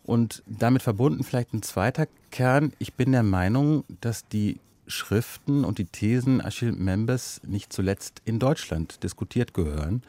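A man's voice: fairly low pitch, mellow. A man speaking as a panel guest in a radio discussion, laying out his points in an orderly, argumentative way. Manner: structured, argumentative.

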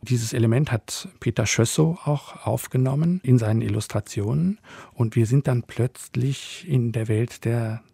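Gravelly, husky man discussing a book. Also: mid-range voice, warm tone, no room sound. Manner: measured, deliberate. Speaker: literary critic guest. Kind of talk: radio interview. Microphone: studio mic.

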